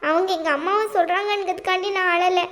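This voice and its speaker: A woman's voice: very high-pitched, steady tone, fast talker, fairly bright tone. A woman voicing a tearful young sister-in-law in a cartoon, who speaks in a choked voice. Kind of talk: cartoon voice acting.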